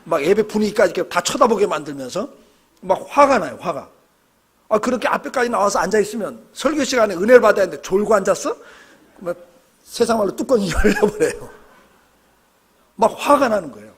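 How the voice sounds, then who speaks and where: A middle-aged man preaching a sermon in a church. His voice sits high and sounds husky and breathy. He exhorts and urges the congregation to answer back. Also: lively intonation, a little fast, long pauses. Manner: emphatic, exhorting, calls on the congregation to respond. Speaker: pastor. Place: church sanctuary.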